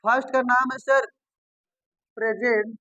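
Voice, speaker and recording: A man's voice: extremely high pitch, fairly even intonation, unhurried, sharp tone, no room sound, dull audio. A male teacher giving a grammar lesson, repeating terms and asking and answering his own questions. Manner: repetitive, addresses students as babu and sir, asks and answers himself.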